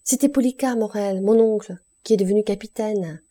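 A woman's voice: lowish voice, animated, moderate pace, vocal fry, warm tone, breathy edge, full character voice. Woman voicing a jovial older shipowner. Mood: friendly. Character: warm middle-aged male shipowner, jovial. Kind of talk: audiobook reading.

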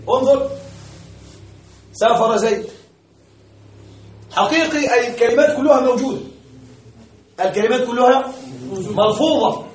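A man's voice: extremely high pitch, slight background noise. A man teaching grammar to a class, often asking a question aloud and then answering it himself. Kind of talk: classroom lecture. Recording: roomy, distant mic.

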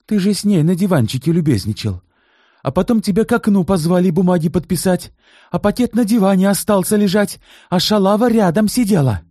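A man putting on a shrill, spiteful old mother. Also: animated, a little fast, dark tone, no room sound, clean studio sound. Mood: scornful shrill. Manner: shrill, scornful, nagging.

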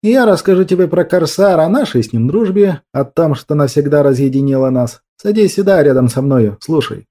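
A man's voice: a little high, lively intonation, a little fast, few pauses, dark tone. A man voicing a stern middle-aged ruler who speaks in a curt, commanding yet weary way. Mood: gentle.

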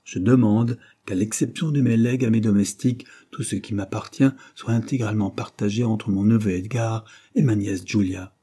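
A man's voice: lowish voice, fairly even intonation, moderate pace, few pauses, dark tone, husky. A man voicing a dying old man who gives solemn, urgent orders from his deathbed, in an audiobook reading.

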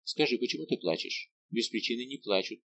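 A man's voice: medium pitch, animated, brisk, vocal fry, fairly bright tone, slight background noise. A man reading an insistent, commanding young woman who teases her friend in an audiobook. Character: lively bossy young woman, a teasing friend.

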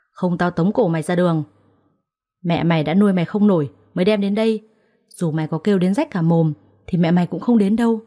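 A woman's voice: fairly low pitch, mellow, natural voice. A woman voicing a cruel, scornful middle-aged stepmother who speaks harshly and threateningly in a storybook.

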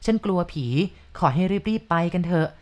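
A woman voicing a frightened older mother who pleads slowly and earnestly with ghosts in a told story. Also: on the low side, lightly acted.

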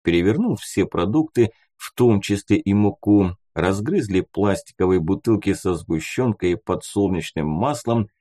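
Male audiobook narrator, low mellow voice, lively intonation, first-person storyteller. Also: moderate pace, few pauses. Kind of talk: audiobook narration of a fantasy novel.

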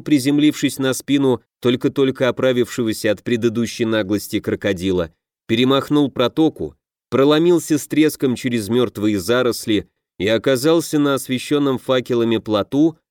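A man reading a fantasy audiobook in a measured storytelling manner. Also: mid-range voice, a little mellow, no echo, clean studio sound. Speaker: audiobook narrator. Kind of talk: scripted fantasy narration.

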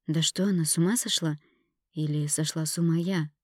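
Low-voiced woman narrating a story. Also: steady tone, a little fast, a little mellow, no room sound, clean studio sound. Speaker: audiobook narrator. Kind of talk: first-person scripted narration.

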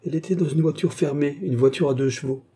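A man's voice: fairly high pitch, fast talker, mellow, husky, voice pushed up. A man voicing a scheming working-class man in an audiobook, speaking in a guarded, mysterious way. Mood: sly guarded. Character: scheming sly male fellow worker.

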